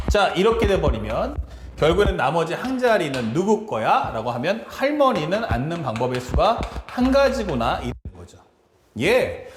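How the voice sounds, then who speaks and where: A man teaching math in a lively lecture and acting out characters' lines as he explains. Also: a little high. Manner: animated, acts out characters' lines in quotes. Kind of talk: lively lecture with acted-out family dialogue. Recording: echoey room with clear background noise.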